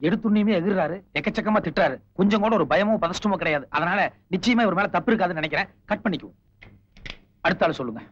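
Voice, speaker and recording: An actor playing a confident, wry thief in a film, talking in a chatty way. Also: male voice, high voice, animated, fast. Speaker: thief turned helper. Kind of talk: film dialogue. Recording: dull lo-fi film audio with music.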